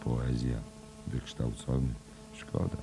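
A man voicing a kindly middle-aged man looking after a drunk friend, gentle and murmuring to himself. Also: a bass voice, wildly swooping pitch, slow pace, vocal fry, over music, heavily acted. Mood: concerned.

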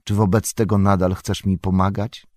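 A man's voice: low-pitched, flat delivery, moderate pace, dry recording, studio quality, pitched above the performer's own voice, close to an everyday voice. Frodo, a man doing a weary earnest hobbit. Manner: tired, earnest and quiet.

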